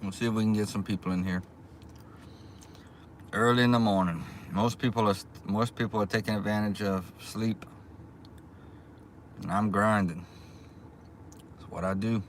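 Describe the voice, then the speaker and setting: A man hosting a casual livestream from inside a car, rambling through unhurried small talk with viewers. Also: fairly low pitch, steady tone. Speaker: livestream host, small YouTube channel. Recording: clear background noise, car ambience.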